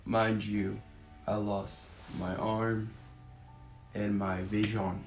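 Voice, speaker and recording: A lovesick gentleman suitor, acted by a man in a comedy skit, pleading and declaiming earnestly. He speaks slowly in an echoey room with music underneath. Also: fairly low pitch, level tone. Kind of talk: amateur comedy skit acting.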